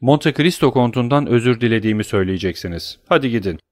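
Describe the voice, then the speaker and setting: A man's voice: medium pitch, animated, fast talker, a little mellow, no echo, clean studio sound, lightly acted. A man voicing a proud young nobleman, speaking earnestly and with firm resolve. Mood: resolute.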